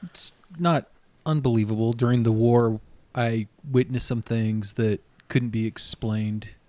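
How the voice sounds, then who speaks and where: A man's voice: mid-range voice, fairly even intonation, a little slow, darkish tone, no echo. Dry-sounding man role-playing. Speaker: player. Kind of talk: in-character tabletop role-play.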